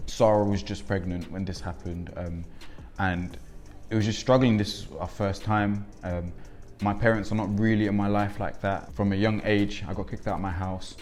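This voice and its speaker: Young father, twenties, very low voice, thoughtful, interview over faint music. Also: steady tone, normal speed, few pauses, darkish tone. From Congo, raised in England. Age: 20s. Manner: reflective, frequent ums. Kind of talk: documentary interview.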